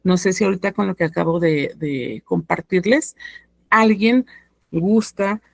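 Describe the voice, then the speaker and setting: A woman's voice: lowish voice, a little slow, creaky, no echo. A woman, telling a personal story to a workshop group in a chatty way. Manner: conversational, frequent "¿no?" tags. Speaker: workshop speaker.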